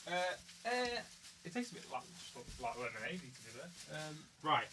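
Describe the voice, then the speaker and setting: A man's voice: medium pitch, normal speed, noisy background. A young man, hosting a casual podcast chat at home, laughing and teasing. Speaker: podcast host. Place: home room with a cat. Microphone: studio mic with pop shield.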